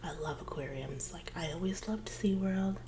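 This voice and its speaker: A woman whispers her way through one side of a casual conversation in a whispered role-play. Her voice is low and hushed, slipping between soft whisper and murmur in a rambling, confiding way. Clear background noise sits behind her. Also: normal speed.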